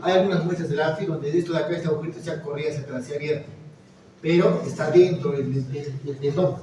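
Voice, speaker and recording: Male lecturer, fairly high voice, questions the class constantly; recorded far off in a reverberant room. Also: fairly even intonation, fast, mellow, a little hiss or hum. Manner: quizzing, encouraging, frequent "muy bien" and "¿ya?". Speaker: anatomy lecturer. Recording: echoey lecture hall, mic far off, students audible. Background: students murmuring and answering.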